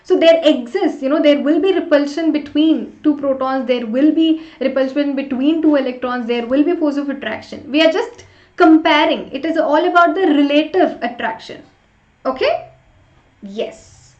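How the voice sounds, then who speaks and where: Lady teacher on a live class, high voice, chatty, bit echoey. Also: normal speed, darkish tone. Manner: chatty, urging students along with repeated short prompts. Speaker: online chemistry teacher. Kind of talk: interactive live online lesson with quiz. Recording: roomy echo, slightly dull sound.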